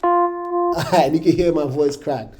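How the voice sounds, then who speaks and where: A man teaching a casual online music lesson in a relaxed way, often checking in with his viewers. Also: on the high side, measured pace. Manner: relaxed, checks in with "all right, you guys".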